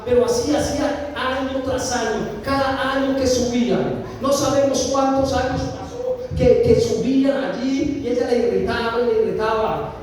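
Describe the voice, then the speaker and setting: A man from Colombia preaching a sermon, with a very high voice and a mellow, dark tone. He speaks to the congregation directly, pausing on fillers and repeating phrases. The sound is roomy, with long reverb from a distant mic in a church hall. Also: a little hiss or hum.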